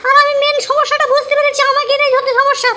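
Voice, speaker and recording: A woman's voice: very high-pitched, level tone, very fast, bright, forceful tone, slight background noise. A woman playing an indignant middle-aged mother-in-law in a comic audio drama, scolding and fed up. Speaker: mother-in-law visiting her daughter's home.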